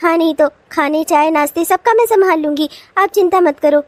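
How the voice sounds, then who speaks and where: A woman's voice: very high-pitched, brisk, dry recording, pitched below the performer's own voice. A woman voicing a persuasive daughter-in-law in a cartoon, who coaxes her mother-in-law. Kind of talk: cartoon voice acting.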